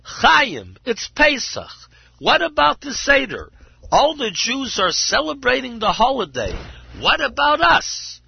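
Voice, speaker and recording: A man voicing a distraught wife, high and pleading, in a dull lo-fi recording. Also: wildly swooping pitch, slow, vocal fry, husky, dry recording, exaggerated voice. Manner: pleading, rising to a cry. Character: shrill distraught wife of a poor water carrier.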